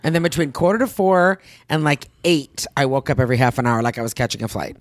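Rambling, animated middle-aged woman. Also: extremely low pitch, fast talker, no room sound. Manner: rambling, animated storytelling, acts out her own thoughts, swears casually. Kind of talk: casual chat.

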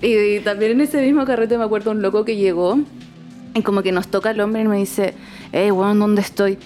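A woman's voice: mid-range voice, fairly quick, soft background music. Slangy Chilean woman telling stories. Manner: slangy, animated storytelling with frequent laughter. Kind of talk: casual chat.

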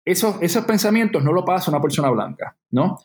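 An earnest, reflective interview guest, this man in his forties from Puerto Rico has a Puerto Rican Spanish accent and thinks aloud with restarts in a conversational setting. His voice sits high, swings widely in pitch and moves fairly quickly.

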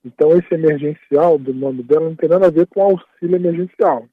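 A man speaking by phone as a radio interview guest, explaining at a steady pace and often tagging his phrases with a questioning "right?". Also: on the high side, a little fast, slightly rough, no echo. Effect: heard over a phone line. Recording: tinny dry phone line.

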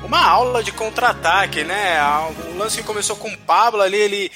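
A Brazilian man analyses a live football match in a high voice. He recaps plays conversationally, repeating phrases, with music behind him. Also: brisk.

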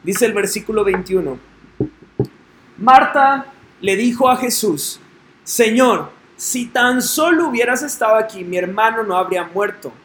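A man's voice: sits high, expressive, a little slow, fairly bright tone. A man reading scripture and preaching earnestly, asking listeners direct questions. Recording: echoey room with faint ambience.

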